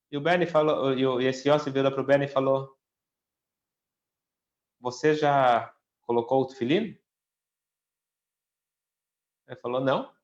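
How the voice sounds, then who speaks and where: Man telling a story in an echoey room. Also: mid-range voice. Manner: acts out the quoted lines with a lifted voice. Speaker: rabbi. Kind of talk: storytelling talk.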